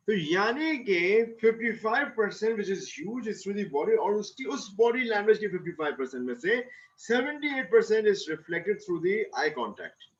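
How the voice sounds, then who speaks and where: A man, a motivational speaker and corporate trainer, explaining communication skills in an interview and repeating key points slowly. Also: sits high, a bit bright, muffled recording. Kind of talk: interview answer, lecturing.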